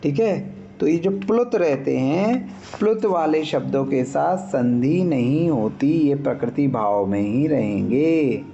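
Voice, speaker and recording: A man teaches Sanskrit grammar over a dull, lo-fi online class connection. He speaks slowly in a dark, gravelly voice. He pauses often to check that his students follow. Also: a little high, slight background noise. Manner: patient, checks understanding, demonstrates sounds aloud. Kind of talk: online lesson explaining grammar.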